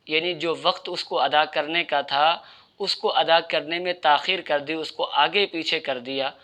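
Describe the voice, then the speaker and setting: A man's voice: fairly high pitch, pushed and bright. A man giving religious instruction in a methodical, explanatory way, addressing his listeners directly. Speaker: Islamic religious teacher.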